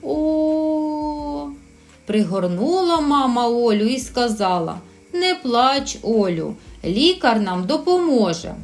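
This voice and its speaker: A woman's voice: a little high, sing-song. A woman teaching a recorded lesson for preschool children, encouraging and drawing out her words. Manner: slow, sing-song and encouraging, drawing out sounds.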